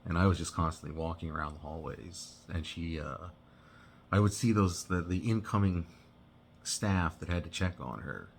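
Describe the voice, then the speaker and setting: A man casually telling a personal story, halting and rambling with many restarts and "you know"s. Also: low voice, vocal fry, a little hiss or hum.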